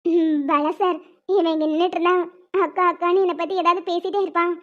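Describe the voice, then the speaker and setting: A woman's voice: very high voice, steady tone, quick pace. A woman voicing a meek, patient young woman who speaks politely and apologetically in a cartoon. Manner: soft-spoken, apologetic, polite. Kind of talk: cartoon voice acting. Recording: dull lo-fi sound.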